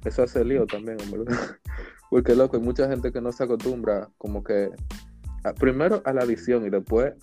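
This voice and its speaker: A man's voice: medium pitch, steady tone, moderate pace, mellow, soft background music. A young man with a Dominican accent chatting casually, offering slangy, tentative opinions. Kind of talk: casual chat.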